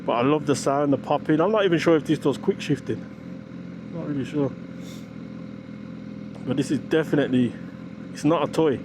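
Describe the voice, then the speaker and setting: Out on the road, a British man vlogs from his motorcycle, rambling excitedly in casual slang with frequent pauses at a normal speed. His pitch sits on the high side, and wind buffets the action cam mic over the hum of his engine and the surrounding traffic.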